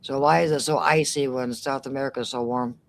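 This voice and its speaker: A woman co-hosting a casual live stream, reading out chat messages and tossing in quick exclamations and jokes. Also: very deep voice, steady tone. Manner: chatty, quick to exclaim, jokey asides.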